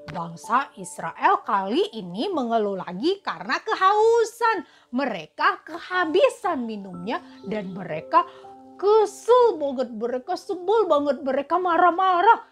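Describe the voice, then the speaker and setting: Lively high-voiced woman telling a Bible story. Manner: animated, exaggerated, addresses children directly. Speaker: Sunday school teacher.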